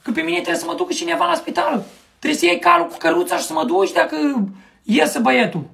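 A man voicing a loud, nagging rural young wife in a comedy sketch, shouting in a shrill voice. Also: very animated, creaky, heavily acted. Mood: bossy.

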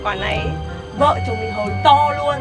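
An actress playing a scheming, talkative wife out shopping, with a bossy, gossipy way of talking. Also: female voice, high voice, normal speed, loud music behind the voice, close to an everyday voice. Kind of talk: sitcom acting.

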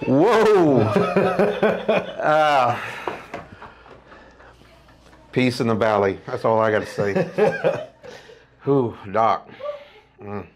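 A man's voice: on the low side, takes it slowly, pauses often, echoey room, crowd noise. An older man, a patient, exclaiming and laughing in folksy casual talk during treatment. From Arkansas. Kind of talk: casual chat.

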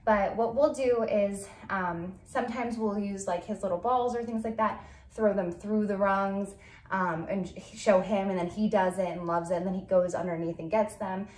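A woman's voice: medium pitch, steady tone, moderate pace, a little mellow. A young woman giving a casual product review and demo in her living room, chatty, with lots of ums and likes. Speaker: parenting vlogger. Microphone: far camera. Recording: roomy sound from a distant camera mic.

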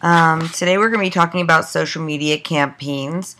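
A woman with a hoarse voice, as she is losing it, giving a recorded class lecture in a loose style full of fillers and rhetorical questions. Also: deep voice, steady tone, moderate pace, fairly bright tone. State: losing her voice.

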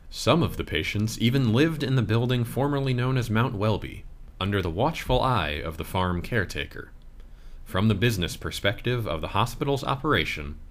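Guy reading a park audio tour script, low voice, lots of pitch movement. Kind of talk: scripted narration.

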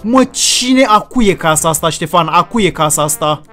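A man giving excited, theatrical commentary while playing a game, with English exclamations mixed in. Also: fairly high pitch, soft background music. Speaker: gaming video creator.

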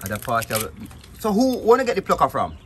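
A man with a Jamaican accent hosting a casual vlog on a rural farm, chatting in lively patois. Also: fairly high pitch, fast, slight background noise. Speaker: vlog host. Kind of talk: casual on-location chat. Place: outdoors at a rural farmyard.

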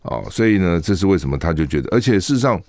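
A man's voice: low voice, animated, fast talker, a little mellow, a little hiss or hum. A male radio talk show host, giving chatty, emphatic solo commentary from a studio mic, full of rhetorical questions. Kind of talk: solo commentary on current affairs.

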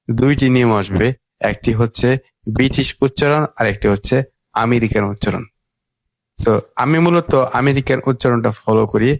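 A man teaching an English lesson, slowly drilling and repeating short words for learners. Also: medium pitch, vocal fry, no room sound. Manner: slow, repetitive drilling of words. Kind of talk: spoken language lesson.

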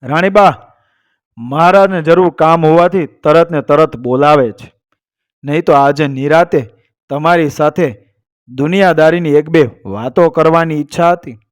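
A male storyteller plays a clever, loyal minister in an old tale. He speaks calmly and reassuringly. The voice sits slightly high and sounds dry and close. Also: unhurried, clear, resonant tone, no echo, natural voice.

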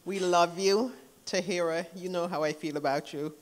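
Cousin, cheerful short family toast, mid pitch. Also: moderate pace, big-room sound. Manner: lively, laughing between lines. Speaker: bride's cousin giving a toast. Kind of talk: warm wedding toast. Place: wedding reception hall.

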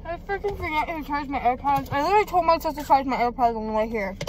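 An eighteen-year-old woman vlogs casually from a parked car at night, chatty and self-mocking and swearing freely. Her voice is high-pitched, animated and darkish, and she talks fast. The phone camera is held or propped close, with slight background noise.

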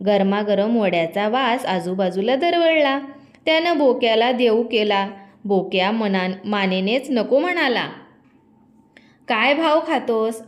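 A woman reads a children's storybook aloud with a lively, expressive delivery. Her voice sits high. Her intonation swings widely and stays animated.

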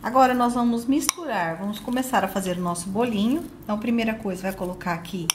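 A middle-aged Brazilian woman hosts a cooking channel, walking viewers through a recipe step by step in a home kitchen and speaking to them directly in simple terms. Her pitch is medium and she talks fast, with a roomy sound and slight background noise.

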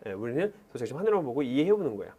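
Lively guy teacher, talks fast, pitch jumping all over, pushing students to say it back. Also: husky, dull audio. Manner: animated, urges learners to repeat aloud. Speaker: English teacher. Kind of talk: lively classroom lecture.

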